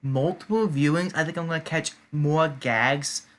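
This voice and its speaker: A man's voice: fairly high pitch, moderate pace. A man hosting a podcast, eagerly recounting funny moments in casual chat. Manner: eager, animated recounting of jokes.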